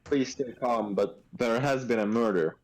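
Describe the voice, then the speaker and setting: A man's voice: mid-range voice, normal speed, low-quality recording. A man reading video game dialogue aloud, mixed with casual commentary. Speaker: gaming show player and reader.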